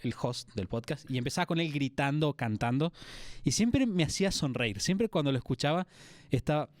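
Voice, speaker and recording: A man's voice: fairly high pitch, animated, moderate pace, no echo, clean studio sound. A man from Argentina with an Argentine Spanish accent, a podcast host asking long, curious questions. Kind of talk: conversational interview.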